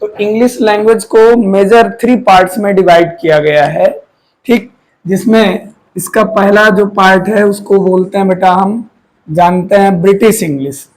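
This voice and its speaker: High-voiced man teaching a class. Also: normal speed, poor audio. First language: Hindi. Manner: repeats key terms, quizzes students and answers himself. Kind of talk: classroom lecture.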